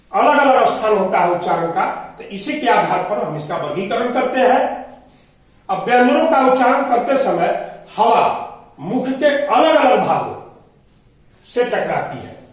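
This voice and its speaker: Slow high-voiced man teaching, echoey room. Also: far from the mic. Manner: slow explaining, lists items one by one. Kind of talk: classroom-style grammar lesson.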